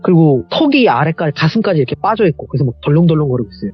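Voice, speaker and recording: A man telling a true horror story as a guest, animated and acting out the voices of the people in it. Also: a little high, rapid-fire, husky, lo-fi sound, faint music behind. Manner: animated, acts out quoted voices.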